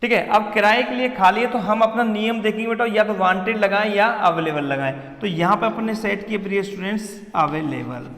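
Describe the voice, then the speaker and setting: A man's voice: high voice, fairly bright tone. A man teaching English grammar to his students with a Hindi accent, calling them "beta" and repeating questions back to the class. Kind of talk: classroom lesson at a board. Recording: echoey room with long reverb.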